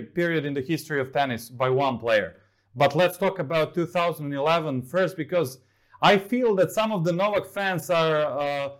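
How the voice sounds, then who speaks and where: This Serbian sports journalist co-hosts a laid-back talk show, and his voice sits a little high. He talks in a measured, analytical manner, dropping plenty of fillers along the way.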